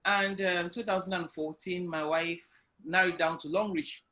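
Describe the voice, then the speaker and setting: A guest entrepreneur recounts his entrepreneurial journey in an online interview heard through a video call. His high, bright voice is loud and animated, with fairly even intonation at a moderate pace.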